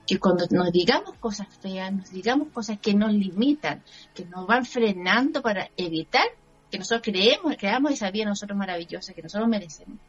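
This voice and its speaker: A woman's voice: mid-range voice, lively intonation, brisk, slightly rough, muffled recording, soft background music. A woman with a Chilean Spanish accent, talking earnestly as a personal growth coach and checking that her listener agrees. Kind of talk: motivational talk show chat.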